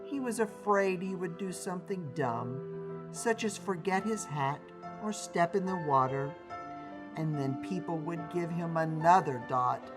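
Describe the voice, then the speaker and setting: A man reading a children's story aloud in a deliberate, emphatic manner with dramatic pauses. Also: a little high, lively intonation. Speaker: storybook reader. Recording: music behind the voice. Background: music.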